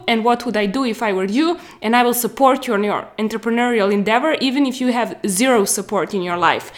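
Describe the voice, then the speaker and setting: A woman talking through a personal story in a conversational way, with frequent fillers and pauses, and ending on an earnest motivational note as a podcast host offering business advice. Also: on the high side.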